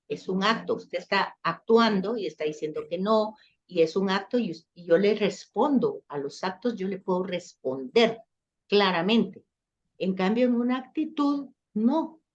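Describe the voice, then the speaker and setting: Woman, church class teacher, patient explanations, everyday examples, mid-pitched voice, dull lo-fi sound. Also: a little slow, darkish tone. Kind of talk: teaching a church study session.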